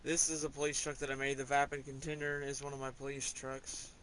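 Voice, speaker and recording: Laid-back male gamer, rambling and hesitant, ordinary pitch, faint noise behind. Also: monotone, fairly quick, fairly bright tone, poor audio. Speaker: gamer showing his garage. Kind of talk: casual gameplay commentary.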